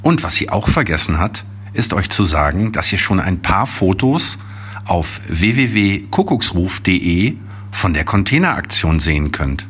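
A man calmly and kindly greeting children on a podcast, with a faint hum behind him. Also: low-pitched, moderate pace, slightly rough. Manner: calm, kindly addressing children. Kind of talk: friendly announcement to children.

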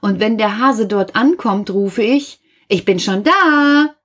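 A woman voicing a clever, no-nonsense hedgehog wife in a children's storybook reading, speaking briskly. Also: medium pitch, breathy edge, pitched above the performer's own voice.

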